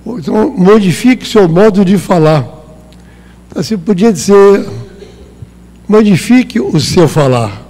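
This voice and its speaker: A Brazilian man giving a spiritist lecture in a hall with long reverb. His voice sits fairly high but sounds mellow and dark. He talks in a conversational way and acts out small exchanges. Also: animated, a little slow, long pauses. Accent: Brazilian Portuguese. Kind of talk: spiritist talk.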